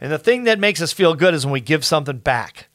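A man's voice: a little high, fast talker, no room sound, clean studio sound. Earnest man telling a story. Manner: earnest, animated, with frequent restarts. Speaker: podcast host. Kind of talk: casual storytelling.

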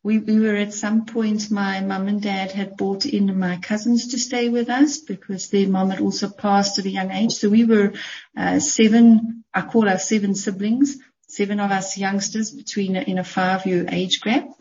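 A woman's voice: medium pitch, little pitch movement, normal speed, a little mellow. Middle-aged South African woman guest, reflective, slightly muffled, faint noise behind. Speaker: podcast guest. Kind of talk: casual interview chat.

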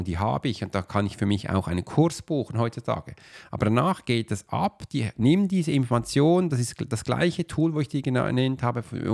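A man's voice: mid-range voice, gravelly, a little mellow. A man hosting a podcast, talking casually at his computer in a rambling way full of filler sounds. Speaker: podcast host and coach. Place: at his computer while uploading a video.

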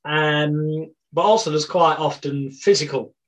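British man, 40s, interview guest, chatty anecdotal storyteller, wry humor, slightly high voice. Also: a little slow. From Britain. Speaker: podcast guest.

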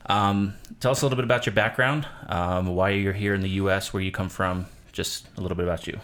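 A man's voice: low voice, fairly even intonation, fast, a bit bright. A man hosting a podcast, introducing his guest in a loose, rambling way with many ums. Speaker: podcast host. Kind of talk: casual chat. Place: cabin.

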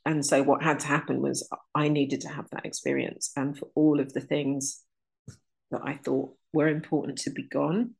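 A woman in her 30s, an energy alignment teacher, speaks as an interview guest in a reflective, earnest, unhurried way, listing things in runs. Her voice sits low with little pitch movement, creaky and darkish with a breathy edge.

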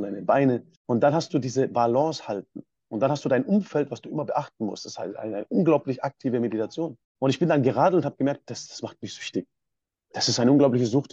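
A man's voice: medium pitch, mellow, slightly rough, no echo, dull audio. A man from Swabia in Germany, a podcast guest telling his personal story in a passionate, emphatic way.

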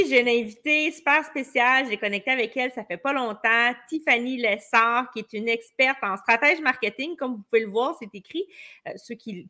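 A woman's voice: on the high side, pushed and bright. A woman with a Quebec French accent hosts a podcast in an informal, conversational way, prompting her guest and putting things simply. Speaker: podcast host, business management coach.

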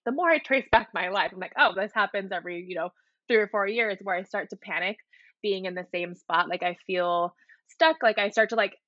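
A woman in her thirties from Hawaii talks with a bright, forceful voice, rambling casually and leaning hard on "like." The sound is dry and a touch dull, as if captured on a modest home setup over a call. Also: medium pitch, fairly quick, dry recording. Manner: chatty, peppered with "like", casual swearing. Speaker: podcast guest, wedding photographer. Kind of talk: casual interview chat. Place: home apartment.

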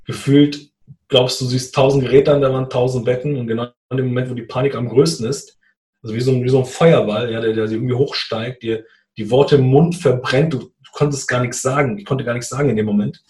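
A man in a casual conversation, telling a personal story in a lively way and acting out what people said. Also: medium pitch, brisk, echoey room. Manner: animated, acts out quoted dialogue. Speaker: guest telling his story.

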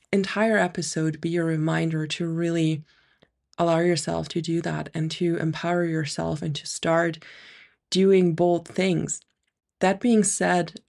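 A woman's voice: fairly low pitch, gravelly, darkish tone. A woman hosting a motivational solo podcast as a coach, speaking earnestly and emphatically with a slightly nasal, congested sound. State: congested from an ear infection. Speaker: podcast host and spiritual business coach.

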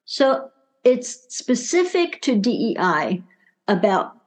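A woman with a New York accent talks as a guest on a business podcast, her voice pitched a little high. She explains her coaching work earnestly, building her points in careful phrases. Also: big pitch swings, takes it slowly, low-quality recording. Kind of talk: casual interview conversation.

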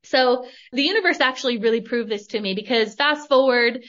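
An American woman hosting a podcast, telling her own story in a candid, animated way with casual swearing. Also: fairly high pitch, a little fast, highs cut off. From United States. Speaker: podcast host, money coach. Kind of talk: casual monologue.

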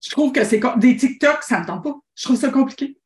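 A Québécoise woman coaches entrepreneurs in a bright, fairly high voice, talking animatedly and restarting her sentences. Her voice rings a little in a roomy space. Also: fairly quick. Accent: Québécois French. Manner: animated, rambling, with many restarts. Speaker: business coach and host. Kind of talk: casual call-in coaching talk.

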